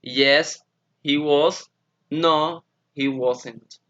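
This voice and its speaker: A man's voice: fairly high pitch, fairly even intonation, drawn-out words, a bit bright. A male English teacher explaining grammar to his students, switching between Spanish and English and spelling out each example step by step. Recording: dull lo-fi sound.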